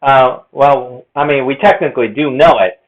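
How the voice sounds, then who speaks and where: A man's voice: mid-range voice, moderate pace. A man explaining language and in a rambling lecture, thinking aloud with many fillers. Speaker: language teacher. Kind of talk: casual lecture on accents. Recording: dull lo-fi recording.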